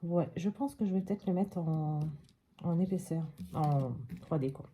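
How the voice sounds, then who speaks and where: Mellow, low-voiced woman chatting through a craft. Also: normal speed. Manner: chatty, thinks aloud with frequent hop and voilà. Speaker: craft tutorial host. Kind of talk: casual step-by-step crafting tutorial.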